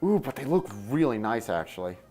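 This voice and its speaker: A man's voice: mid-range voice, big pitch swings, fairly quick, a little mellow, faint music behind. A man hosting a casual livestream, mumbling asides to himself as he works through a build. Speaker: host building a model kit on stream.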